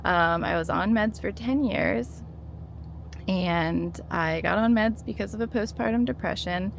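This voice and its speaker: Her voice is medium-pitched and gravelly, and she takes her time, with slight background noise in the recording. A woman in her thirties, she speaks casually to camera about going through withdrawal, offering earnest encouragement between frequent fillers and restarts.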